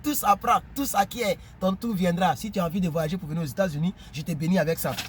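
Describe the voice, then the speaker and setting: A man casually vlogging to his subscribers, animated and preachy, often repeating words while he searches for them. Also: high-pitched, fast, slight background noise. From Ivory Coast. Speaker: YouTuber.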